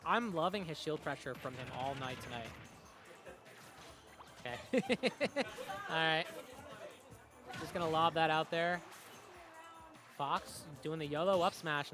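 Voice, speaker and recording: A young man doing live play-by-play commentary on a fighting game tournament, excitable, with lots of fillers and quick reactions. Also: a little high. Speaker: esports commentator. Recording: music playing behind.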